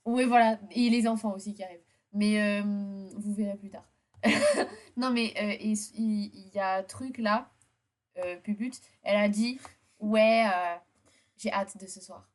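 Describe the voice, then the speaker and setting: A woman co-hosting a dating game playthrough, reading character dialogue aloud and chatting casually in an excitable, slangy way. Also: mid-range voice, unhurried. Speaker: co-host playing a dating game.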